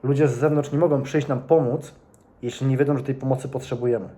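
A man's voice: medium pitch, steady tone, fast talker, warm tone. A young man giving earnest, casual commentary to his viewers, speaking to them directly and repeating points for emphasis. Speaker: vlogger.

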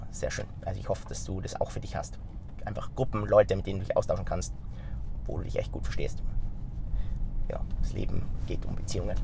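A middle-aged man with a slight stuffy cold, a vlogger and company founder, talks energetically straight to viewers while gesturing, filming himself with a phone camera mounted in his car in city traffic. His voice sits low and sounds gravelly, with slight background noise.

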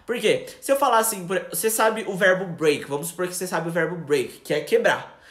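A man with a Brazilian Portuguese accent teaching English in a casual live lesson, chatty, slowing down for example sentences. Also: high voice, fairly bright tone, echoey room.

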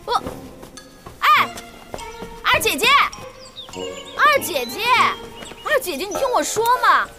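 An actress playing a guarded fourth concubine who wheedles and pleads, in a period TV drama. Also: female voice, high-pitched, big pitch swings, normal speed, pauses often, over loud music. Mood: pleading. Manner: wheedling and coaxing, then secretive. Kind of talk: Chinese period TV drama, dubbed dialogue.

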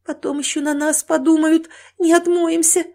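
A woman's voice: fairly high pitch, flat delivery, normal speed, pitched above the performer's own voice, lightly acted. A woman narrator voicing a kind, fearful older countrywoman who frets and weeps in an audiobook. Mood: frightened. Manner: fretting, tearful exclamations.

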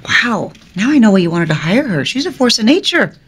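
A catty, jealous wife. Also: female voice, fairly high pitch, big pitch swings, a little hiss or hum. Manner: sarcastic, catty, quick comebacks. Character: sharp-tongued jealous wife, catty and proud. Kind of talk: TV drama acting. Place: indoor home dining room.

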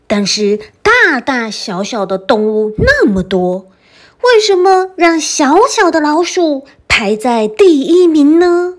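A woman storyteller reading a children's bedtime story in a gentle, expressive voice. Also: high-pitched, slow pace, faint music behind.

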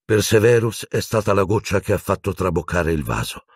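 A man voicing a gentle, weary middle-aged teacher who speaks softly and sighs with resignation. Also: low-pitched, expressive, a little fast, breathy edge, no room sound, clean studio sound, exaggerated voice. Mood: resigned, weary. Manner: soft, sighing, resigned.

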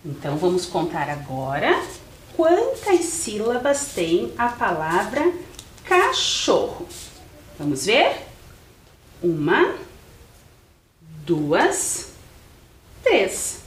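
A teacher with a Brazilian Portuguese accent guides young children through a slow, clear literacy lesson, spelling out letters and counting syllables alongside them. Her voice is mid-range but swoops wildly in pitch, and there's a little hiss or hum in the recording.

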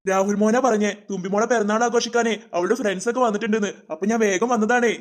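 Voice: medium pitch, fairly even intonation, fast talker, voice pushed down, lightly acted. A voice actor doing a mild cartoon dad. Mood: cheerful. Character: gentle middle-aged cartoon father, easygoing. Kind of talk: animated cartoon voice acting.

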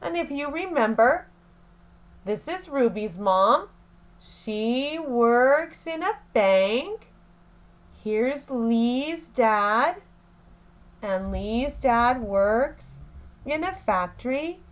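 A woman teacher gives an expressive picture-book reading to young children, pacing it deliberately phrase by phrase. She speaks on the high side.

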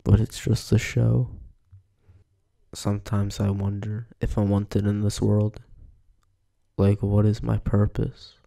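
A despairing, withdrawn young man, as a man acts it out, his dark, gravelly voice barely moving in pitch. He confesses slowly and haltingly, pausing to sigh. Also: little pitch movement. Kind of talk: film monologue.

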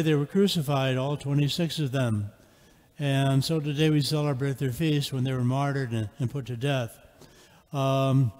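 A man's voice: medium pitch, a little mellow. A man giving a homily in a plain, easygoing way with many fillers, heard with cathedral echo. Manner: casual, with frequent fillers and restarts. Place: large church. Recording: cathedral echo with long reverb.

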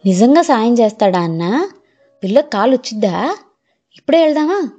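A woman voicing a poor, worried middle-aged village father who pleads timidly and slowly. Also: high voice, mellow. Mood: hopeful. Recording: muffled lo-fi, faint music.

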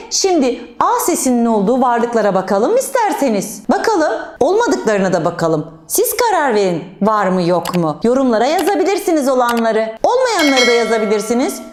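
A woman primary school teacher telling a story in a lively, sing-song lesson for young children. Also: a little high, moderate pace, few pauses, reverberant. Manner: animated, sing-song, exaggerated teacherly delivery.

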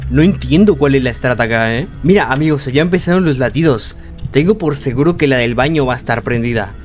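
A young man giving horror gameplay commentary, yelping and shouting in panic, then muttering to himself. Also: mid-range voice, animated, quick pace, soft background music. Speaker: gameplay streamer.

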